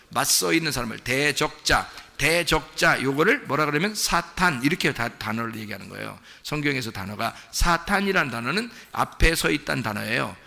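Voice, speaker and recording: Korean pastor, bright gravelly voice, church hall. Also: male voice, mid-range voice. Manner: conversational, asks the listeners questions and acts out quoted lines. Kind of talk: sermon with questions to the congregation. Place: church sanctuary. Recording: long reverb of a large hall.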